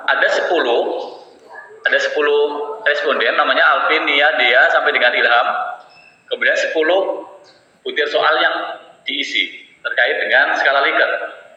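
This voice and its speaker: A man's voice: on the high side, sharp tone. A male university statistics lecturer, giving a classroom lecture and explaining step by step with everyday examples. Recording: echoey classroom, dull sound.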